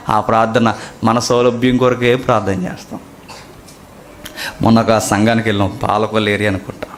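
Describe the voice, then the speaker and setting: Man preaching with loud-soft swings. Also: slight background noise. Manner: rhetorical questions, swinging between loud emphatic peaks and low quiet asides. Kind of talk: sermon.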